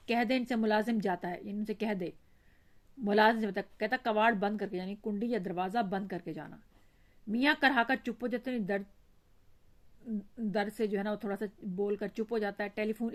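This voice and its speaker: A woman with a Pakistani Urdu accent teaches a school text. She reads its dialogue with lively, raised voices. In between she gives calm, step-by-step explanations. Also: mid-range voice. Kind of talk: reading aloud a Urdu lesson and explaining it line by line.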